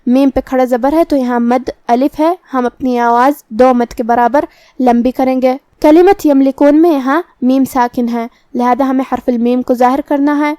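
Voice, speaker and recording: A woman teaching Quran recitation rules in a calm, step-by-step way, with slow drawn-out chanting of verse examples. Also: high-pitched, clean tone, no room sound. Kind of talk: tajweed lesson explaining pronunciation rules.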